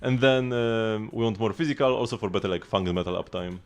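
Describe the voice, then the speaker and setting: A man's voice: fairly low pitch, a little fast, slight background noise. A man livestreaming a video game, chatting casually and explaining team strategy in a rambling way with frequent restarts.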